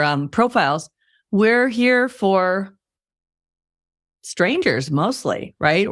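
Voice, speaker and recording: Female host with a cold; rambling, restarts mid-sentence, fairly low voice, dry. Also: no echo. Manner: rambling, self-correcting. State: has a cold. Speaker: podcast host. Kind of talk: casual interview chat.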